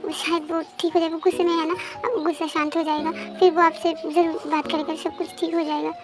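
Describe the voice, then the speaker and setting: Fan drama: woman doing a soft-spoken pleading sibling, music bed. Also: extremely high pitch, little pitch movement, brisk. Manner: soft, coaxing pleas. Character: caring sibling pleading gently for reconciliation.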